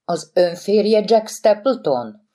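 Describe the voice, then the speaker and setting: A woman voicing a calm, formal woman social worker on the phone, in an audiobook. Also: mid-range voice, voice pushed up, natural voice.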